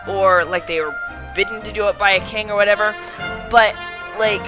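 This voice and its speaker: A woman streamer giving casual gameplay commentary, rambling with lots of fillers and cursing freely. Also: mid-range voice. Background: game music.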